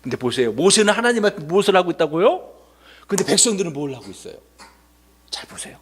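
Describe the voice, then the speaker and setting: A male pastor giving a children's Sunday school sermon, animated, asking the children questions and calling on them by name. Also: sits high, fast, slightly rough.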